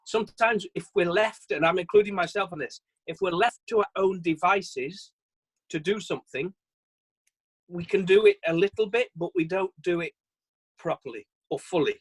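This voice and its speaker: Chatty male sales trainer on a video call, bright high voice, self-deprecating. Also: normal speed, low-quality recording. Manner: chatty, self-deprecating, repeats and restarts phrases. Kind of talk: virtual training session.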